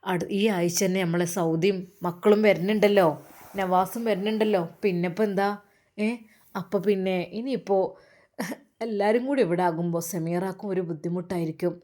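A woman's voice: lowish voice, fairly even intonation, moderate pace, dark tone, close to an everyday voice. Woman voicing a devout Malappuram mother. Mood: earnest. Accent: Malappuram Malayalam. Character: warm devout older mother, gently blessing.

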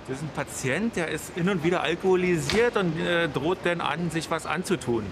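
Gravelly 40s paramedic guy on a loud street, frank talk. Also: on the high side, brisk. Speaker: paramedic trainer. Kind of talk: interview. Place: outdoors on a city street. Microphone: lapel mic. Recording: street noise behind.

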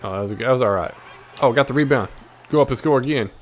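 A gaming video host delivers casual, slangy gameplay commentary in a quick, mid-range male voice. He's cocky and playful, tossing out plenty of trash talk.

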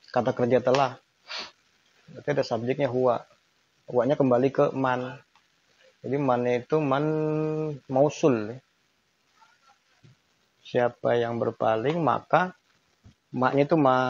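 A man's voice: medium pitch, vocal fry, breathy edge, lo-fi sound. A man giving a conversational online lesson on Quran grammar, emphatic and acting out intonation examples.

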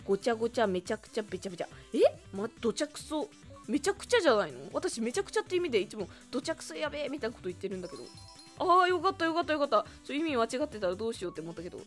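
A woman's voice: fairly high pitch, lively intonation, very fast, faint music behind. A young woman giving casual let's-play commentary on a word quiz game, reading each question aloud and chatting about her answers.

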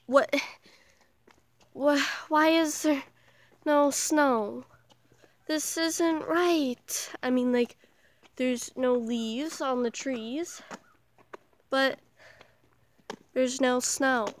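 A young woman from Canada, hoarse with the flu, chatting in a self-mocking way as she vlogs outdoors. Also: high voice, fairly even intonation, extremely slow, long pauses. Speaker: vlogger. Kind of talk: casual vlog while walking outdoors. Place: outdoors in a small town.

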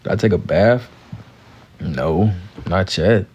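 A young American man chatting casually on a livestream, answering comments in a tired, laid-back, slangy way with a gravelly voice. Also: low voice, slow, a little mellow. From Gary, United States. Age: young adult. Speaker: live streamer, actor. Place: small room indoors, lying down. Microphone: handheld phone at close range. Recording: muffled phone livestream with background noise.

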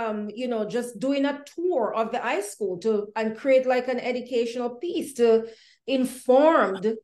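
A woman asks long questions in an interview, pausing with many fillers, her voice on the higher side for a woman. The room around her is echoey. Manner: hesitant, many fillers while asking.

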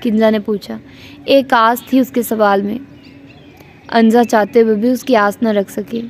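Reading a romantic novel as an audiobook, a woman voices the narration and every character herself. Her pitch sits fairly high, her intonation stays fairly even, and she takes her time, with a little hiss or hum on the recording.

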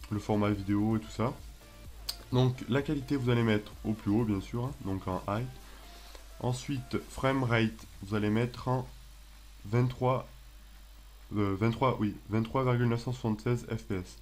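A young man with a French accent hosting a casual software tutorial, hesitant and self-mocking, with many fillers and restarts. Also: on the low side. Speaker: tutorial host. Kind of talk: casual screen-recorded tutorial.

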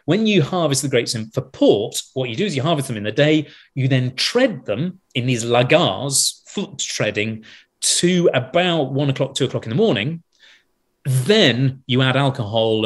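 A man, a wine expert, telling a lively anecdote on a podcast, acting out other people's lines and laughing as he goes. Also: medium pitch, husky. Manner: animated storyteller, acts out quotes, laughs mid-sentence.

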